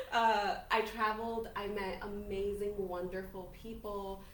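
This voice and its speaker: A chatty, self-assured woman in her forties whose first language is Spanish, speaking at a middle pitch for a woman. She sits back from the microphone in a roomy space. A faint hiss runs under her voice. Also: big pitch swings, takes it slowly, recorded from a distance. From Colombia. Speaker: podcast guest, business owner. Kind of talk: casual interview talk.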